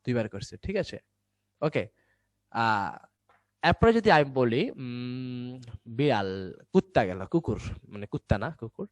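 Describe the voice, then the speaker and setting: A man's voice: medium pitch, big pitch swings, a little slow, pauses often, no room sound. A young man teaching Bangla online, with a dry sound. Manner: quizzing students, answering his own questions. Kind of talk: online class lesson. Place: indoors, recorded for an online class.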